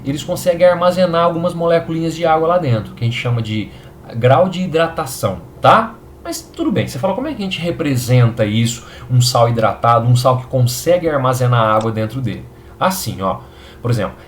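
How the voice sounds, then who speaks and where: Man, Brazilian Portuguese accent, chemistry teacher, video lesson, very lively rising and falling pitch, faint background noise. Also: a little fast. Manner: upbeat, reassuring, frequent check-ins with students.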